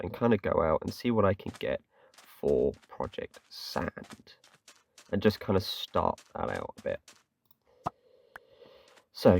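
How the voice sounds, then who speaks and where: A low-sitting, darkish male voice with vocal fry comes through with no echo, though far from the mic. The speaker, a gaming channel host from England, narrates his game in a casual, rambling, self-deprecating way, sprinkling in fillers like "kinda."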